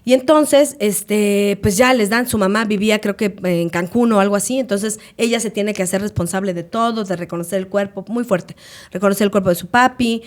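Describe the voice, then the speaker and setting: Talking fairly quickly with a medium-pitched voice, this Mexican podcast co-host in her late thirties spins stories in a casual conversation. She's lively and animated, performing the voices of whoever she quotes.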